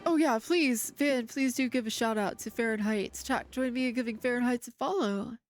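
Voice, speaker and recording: A woman's voice: fairly high pitch, moderate pace. A woman livestreaming a game, chatting casually in a cute, friendly anime-streamer manner. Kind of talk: casual livestream chat while playing a game. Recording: game music under the voice. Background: video game music.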